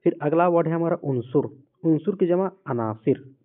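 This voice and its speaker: Guy teaching a word list, kinda high voice, sounds like it's coming thru a phone. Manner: patient, repeats each word slowly. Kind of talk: vocabulary lesson. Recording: phone-like lo-fi audio.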